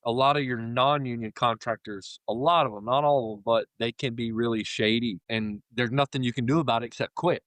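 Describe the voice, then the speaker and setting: A man's voice: medium pitch, fairly even intonation, brisk, few pauses, a bit bright, no echo. A man in his thirties from Florida with an American accent, chatting casually and in a rambling way as an interview guest. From Florida, United States. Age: 30s. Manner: rambling, informal, conversational. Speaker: interview guest, union carpenter.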